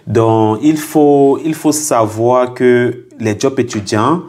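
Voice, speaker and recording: A man's voice: mid-range voice, steady tone, slow, darkish tone. A young man from Cameroon, earnestly telling his story as an interview guest and repeating phrases for emphasis.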